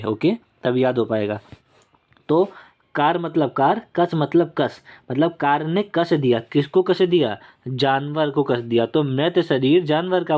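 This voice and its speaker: Man with a slightly high voice, casual exam vocab teacher, chatty and self-deprecating, close mic. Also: a little mellow. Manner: chatty, repeats key words and checks in with "okay?"; self-deprecating while drawing on screen. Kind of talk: casual Hindi-English exam lesson with mnemonics.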